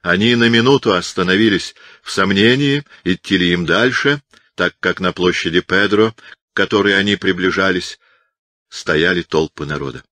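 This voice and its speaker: Male audiobook narrator, very low voice, dry close sound, measured dramatic delivery. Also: bright, forceful tone, dry recording. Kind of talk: scripted narration.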